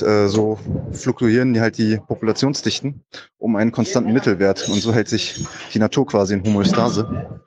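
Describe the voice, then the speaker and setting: A man who is a biology teacher talks casually in a loose, rambling way with many fillers, a bit frazzled. He speaks from the gym on a low quality sound recording. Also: muffled recording. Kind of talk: casual spoken comment, explaining science. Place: at a gym, doing sport. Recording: poor quality recording with loud crowd noise behind.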